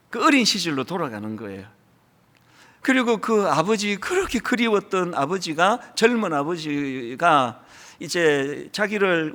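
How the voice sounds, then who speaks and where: Animated male pastor in a reverberant hall. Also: sits high. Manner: storytelling, acting out film lines with rising emotion. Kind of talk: sermon. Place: large church sanctuary. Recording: long reverb of a large church hall.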